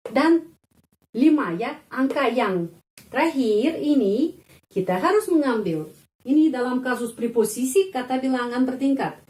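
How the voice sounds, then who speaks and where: A woman teaching a language lesson, explaining step by step and repeating each example word slowly and carefully. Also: high-pitched, expressive, a little mellow. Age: adult.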